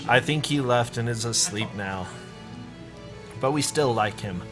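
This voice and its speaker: A man hosting a charity livestream marathon, reading donor messages aloud in a brisk, upbeat way. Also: medium pitch, music in the background. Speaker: marathon host reading donations.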